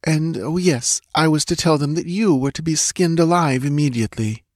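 Pushing his slightly high, slightly mellow voice up but keeping it near an everyday sound, a man plays a frightened young dancing girl for an audiobook at a moderate pace. Her fearful confession comes out whimpering, pleading and breathless, captured in studio quality with no room sound.

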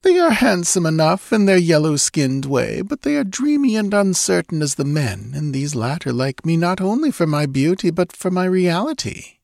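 A man's voice: a little high, sing-song, normal speed, gravelly, few pauses, a little mellow, dry recording, clean studio sound, voice pushed up. A man voicing a sultry, mocking temptress. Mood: languid boasting. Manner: seductive, lazily mocking. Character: sultry scheming Stygian woman, mocking and languid.

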